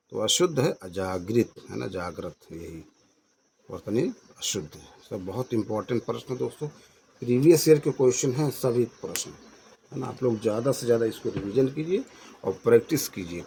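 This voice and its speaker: A man teaching as an exam coach, who reads out each question's options, names the answer, and repeats words slowly to drill their correct spelling. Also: mid-range voice, vocal fry, darkish tone, a little hiss or hum. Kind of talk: exam question review lesson.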